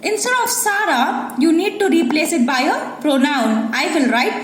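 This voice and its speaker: A woman with an Indian English accent teaching a grammar lesson to schoolchildren, explaining step by step and often checking "Clear?". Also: high-pitched, animated, normal speed. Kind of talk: recorded classroom grammar lesson. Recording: echoey room with faint ambient noise.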